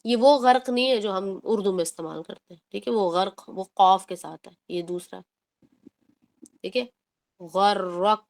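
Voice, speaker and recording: A woman patiently teaches a tajweed lesson in a mid-range, slightly mellow voice with vocal fry, mixing English words into her explanations. To demonstrate, she draws out recited words slowly.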